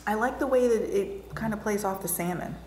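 A woman who sells wine, talking through pairings in a thoughtful, measured way. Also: mid-range voice, darkish tone. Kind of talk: casual chat over food and wine. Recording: echoey room, faint noise.

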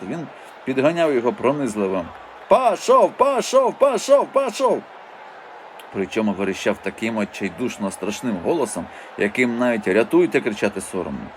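A man narrating a children's audiobook as a lively first-person storyteller. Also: mid-range voice, a little hiss or hum.

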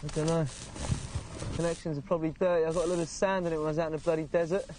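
A man's voice: on the high side, flat delivery, rapid-fire, natural voice. An actor playing a joking, cocky young British cameraman in a found-footage film, recorded outdoors. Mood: casual. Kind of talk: naturalistic found-footage horror film dialogue. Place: outdoors in woods at night. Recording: noisy handheld camcorder sound.

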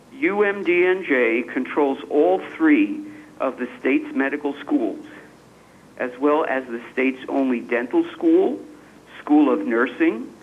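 A man with a fairly high voice reads a formal statement over the phone, measured and broken into short phrases. The call sounds tinny and narrow, with a faint hiss behind it. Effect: speaking over the phone. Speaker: public commenter. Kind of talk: reading a prepared statement. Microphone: telephone.

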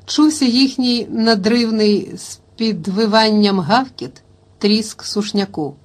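A woman reading a historical novel aloud as an audiobook narrator, in steady, even storytelling. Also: a little high.

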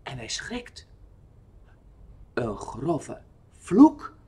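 A man telling a Bible lesson story to children in an expressive way, asking the listener questions. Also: medium pitch, very slow, breathy edge.

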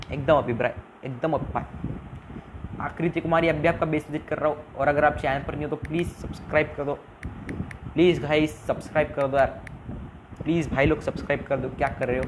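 A young man runs a casual live game stream, reading viewers' comments out loud in Hindi mixed with English and repeatedly begging for subscribers. His voice is fairly high, with background noise in the audio.

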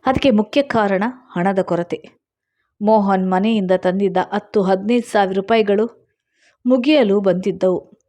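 A woman narrating a first-person dramatic story in a steady, expressive reading voice. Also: medium pitch, measured pace.

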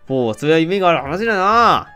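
A man's voice: a little high, lively intonation, brisk, pushed and bright, smooth, faint music behind, pitched below the performer's own voice. A man doing a blustering older police chief. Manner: blustering, exclamatory.

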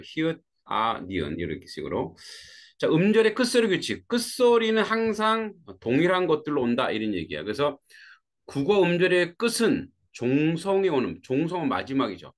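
A man's voice: medium pitch, wildly swooping pitch, normal speed. A man teaching an online grammar lesson, talking students through examples and checking with them after each point. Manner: greets students by name as they join. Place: warm room with a fan.

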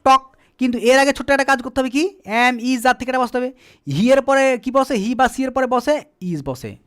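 Clean and a bit bright, his voice sits extremely high and moves at a moderate pace. Bengali is his first language, and he's at a board teaching beginner spoken English, asking the class questions he then answers and spelling words letter by letter.

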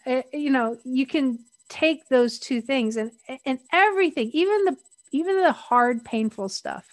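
A middle-aged woman talks openly as a podcast guest. Her voice sits a little high and the sound is dry and close. She speaks frankly and laughs easily. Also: dry recording. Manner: candid and animated, laughs often. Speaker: interview guest. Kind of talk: casual podcast interview.

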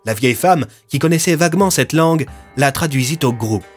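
A man reading a dramatic audio story in a steady, expressive voice. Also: fairly high pitch, a little fast. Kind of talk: scripted dramatic narration. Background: faint music.

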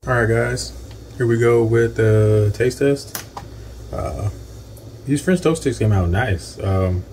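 A man's voice: medium pitch, takes it slowly, slight background noise. A man in his thirties hosting a home cooking video, talking through a recipe casually with lots of filler words. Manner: relaxed, many "uh" and "um" fillers. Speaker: cooking channel host. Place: home kitchen.

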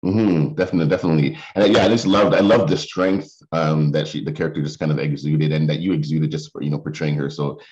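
A man's voice: a bass voice, steady tone, fast, hardly any pauses, darkish tone. A man interviewing actors in a casual way, asking long questions with many restarts and fillers. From Barbadian family, raised in Canada. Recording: dull lo-fi sound.

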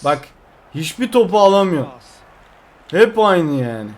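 A young man commenting on his own football video game, getting frustrated and yelling at the players. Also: high voice, very animated, measured pace. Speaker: gameplay streamer.

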